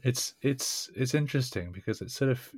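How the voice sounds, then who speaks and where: A man's voice: mid-range voice, expressive, normal speed, darkish tone, no echo, clean studio sound. A man hosting a casual podcast interview, talking in a hesitant, rambling way. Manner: hesitant, rambling, with many fillers and restarts. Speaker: podcast host.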